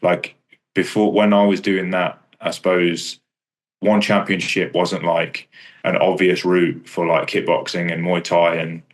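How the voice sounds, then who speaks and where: Speaking at a measured pace with a flat delivery, a deep-voiced man from England reflects on his career as a fighter and coach. The interview chat is casual, meandering, understated, and self-mocking.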